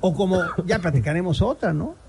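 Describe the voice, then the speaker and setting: A Mexican man hosting a sports talk show, telling crude, animated stories and acting out people in them. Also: high voice, brisk, creaky, over a noisy crowd. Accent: Mexican Spanish. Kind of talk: joking storytelling among co-hosts.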